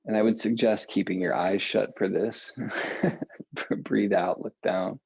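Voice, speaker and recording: Calm male breathwork guide, unhurried and low, husky grain, dull lo-fi home recording. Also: dry recording. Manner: slow, calm, relaxed with casual asides. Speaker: meditation and yoga guide. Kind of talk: guided breathing and stretching instruction. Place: home, seated on a meditation cushion.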